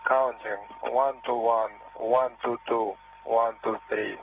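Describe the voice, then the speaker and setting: A man's voice: mid-range voice, fairly even intonation, slow, creaky. A man doing a radio communications check, heard through a helmet-radio style link. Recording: phone-like noisy radio link with hum.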